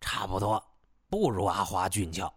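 A man's voice: sits low, slightly rough. A man voicing a vain, pompous male police chief who speaks in a smug, officious way. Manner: smug, officious, drawn-out speech.

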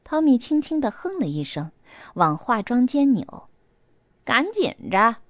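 A woman narrating an audiobook in a lively storytelling manner. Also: a little high, normal speed, no room sound, clean studio sound.

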